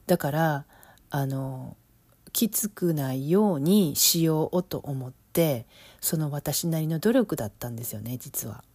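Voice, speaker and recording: A middle-aged woman with an Osaka accent, speaking reflectively in a casual monologue, with lots of fillers and soft laughs. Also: low-pitched, expressive, measured pace, slightly rough, no echo. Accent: Osaka Kansai Japanese. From Osaka, Japan. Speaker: business coach, podcast host.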